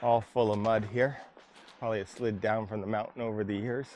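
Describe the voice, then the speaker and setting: A man's voice: on the low side, fairly even intonation, a little fast, heavy background noise. A man walking outdoors through ancient ruins, musing skeptically and a little tired from hiking. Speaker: vlog host. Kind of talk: casual walking commentary.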